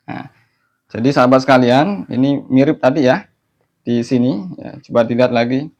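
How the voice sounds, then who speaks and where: A man teaching Quran recitation online, explaining patient steps and then chanting verses slowly in a melodic tone. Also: medium pitch, a little mellow. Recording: dull lo-fi audio.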